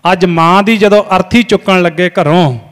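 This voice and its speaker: A man's voice: high-pitched, normal speed, clean tone. A man preaching an earnest devotional sermon and singing a refrain. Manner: earnest, exhortative. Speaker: Sikh preacher. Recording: long hall reverb, faint music.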